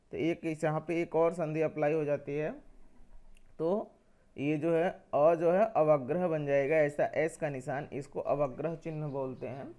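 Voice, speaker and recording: Dark-voiced man teaching a grammar lesson. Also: on the high side, clear, resonant tone. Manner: explains step by step, asks questions and answers them himself; repeats points for emphasis.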